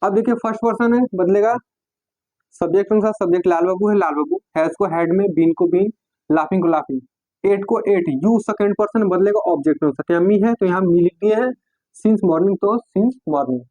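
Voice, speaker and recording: A male teacher with a Hindi accent explains grammar in a fairly high voice, slowing down to dictate sentences and spell out words. The room is dry, and the close mic picks up no echo. His delivery is patient and methodical. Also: dark tone, dull audio. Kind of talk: classroom lesson.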